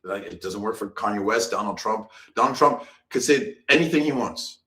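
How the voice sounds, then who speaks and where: A man with a low-pitched voice co-hosts a casual live stream, talking in a loose, rambling way and circling back over his own phrases. He laughs easily. His voice carries an echo from the room around him. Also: expressive, normal speed, bright, forceful tone. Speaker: co-host.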